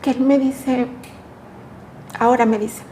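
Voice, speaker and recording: Middle-aged woman, interview guest, earnest and reflective, slightly high voice. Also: fairly even intonation, takes it slowly, warm tone, slight background noise. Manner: earnest, reflective, acts out remembered dialogue. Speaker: guest sharing a personal story. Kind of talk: emotional personal testimony.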